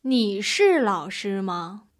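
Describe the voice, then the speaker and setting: A strict young tutor. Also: female voice, medium pitch, very animated, takes it slowly. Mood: instructive. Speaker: tutor in a lesson dialogue.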